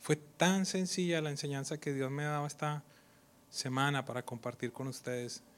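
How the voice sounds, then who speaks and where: A man preaching a sermon as pastor, swinging from loud, animated delivery to hushed near-whispers and mocking imitations of others. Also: a little high, normal speed. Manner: acts out quoted voices mockingly.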